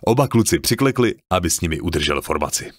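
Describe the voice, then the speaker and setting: A man reading an audiobook in scripted narration, expressive and dramatic. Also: low voice, dry recording, clean studio sound.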